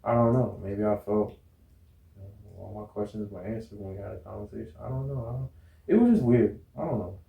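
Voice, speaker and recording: Speaking briskly in a gravelly voice on the low side, an American interview guest rambles through a frank, casual conversation about a relationship. He keeps checking in with "you know what I'm saying." The recording is narrow and tinny, with a roomy, echoey sound.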